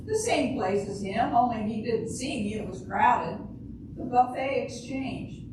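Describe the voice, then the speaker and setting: In a noisy, very echoey room, heard from a distance, an older woman with a fairly high, natural voice speaks a little slowly. She is performing in amateur readers' theater as a naive, blunt housewife and mother, literal-minded and matter-of-fact about having shot her husband. Her earnest recounting comes out in plain, ungrammatical lines.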